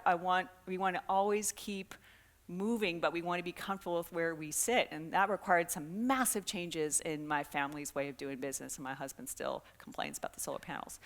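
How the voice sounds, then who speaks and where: Low, bright-toned woman speaking earnestly. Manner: earnest, reflective, with frequent restarts. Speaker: climate scientist guest speaker. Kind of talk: forum Q&A answer.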